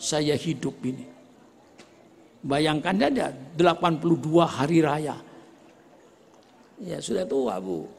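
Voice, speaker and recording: A man in his eighties preaching a sermon to a gathering, joking with the audience and rising to shouts. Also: on the high side, animated, slow, creaky, pauses often, slight background noise. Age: 80s. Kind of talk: religious sermon. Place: gathering before a crowd.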